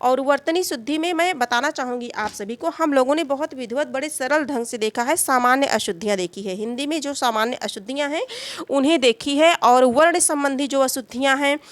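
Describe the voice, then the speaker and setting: A woman with a high voice teaches an exam-prep grammar lesson. She repeats key terms, asks and answers her own questions, and keeps checking in with her students. The recording is dry and close, with no room sound. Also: no room sound.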